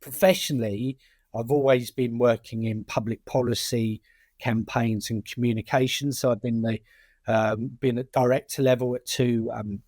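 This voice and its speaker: A charity chair and campaigner from the United Kingdom, with a British working-class accent, answers questions in a conversational interview. His medium-pitched voice is steady, a little mellow, and moderately paced, and he often repeats words and restarts sentences. The recording is dry and studio quality.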